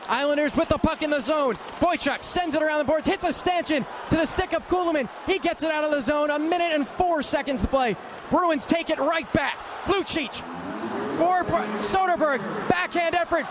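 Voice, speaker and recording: A very high-pitched man gives urgent, clipped, excitable play-by-play of live ice hockey for a radio broadcast. The hockey arena roars loudly in the background.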